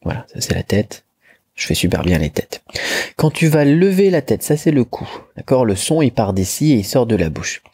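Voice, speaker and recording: Husky-voiced man giving a casual lesson. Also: medium pitch, big pitch swings, normal speed, warm tone. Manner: chatty, many fillers and restarts; demonstrates tones with head movements. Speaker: Chinese language teacher.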